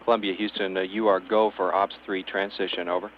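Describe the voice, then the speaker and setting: A man speaks over dull radio with a faint hiss. His voice is fairly low and very even, delivering clipped procedural calls as a mission control communicator. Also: brisk. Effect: radio transmission.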